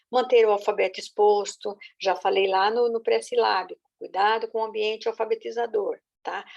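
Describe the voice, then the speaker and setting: A woman's voice: medium pitch, gravelly, darkish tone, slightly rough. A woman teacher patiently explaining how children learn to write, often checking in with her listeners. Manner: patient, with many "né?" and "tá?" check-ins. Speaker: literacy teacher.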